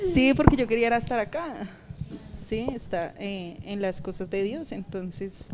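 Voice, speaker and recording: Woman pastor, interview guest, animated storyteller who laughs often. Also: medium pitch, background noise. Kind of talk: personal testimony in a podcast interview.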